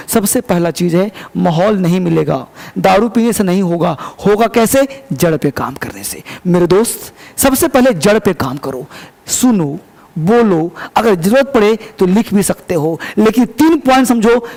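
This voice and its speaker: Emphatic high-voiced man teaching in an echoing room. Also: a little mellow. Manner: emphatic, repeats key words, asks and answers his own questions. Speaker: English teacher. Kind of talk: motivational spoken-English lesson.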